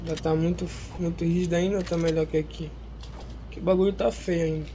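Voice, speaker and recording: A young man from talks slang-heavy with a teammate over a game. He is excitable and now and then bursts out loud. The stream audio carries a clear layer of noise. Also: a little high, a little fast. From Amapá, northern Brazil. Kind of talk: casual gaming chat with a teammate.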